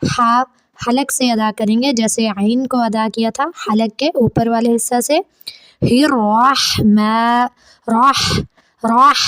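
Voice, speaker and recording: A woman's voice: a little high, no room sound. A woman teaching Quran recitation, explaining each sound step by step and demonstrating it. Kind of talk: tajweed lesson.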